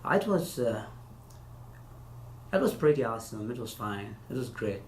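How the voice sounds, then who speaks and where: Fairly low-pitched yet very animated, an Afghan man who once worked as an interpreter gives casual interview answers. His non-native English is halting and hesitant, with many restarts. It's recorded in an echoey room with faint hiss.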